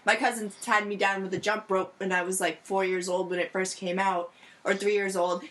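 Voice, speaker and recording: A young woman co-hosting a casual chat show, telling stories in an animated way and swearing freely. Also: medium pitch, a little fast, low-quality recording. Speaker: podcast co-host.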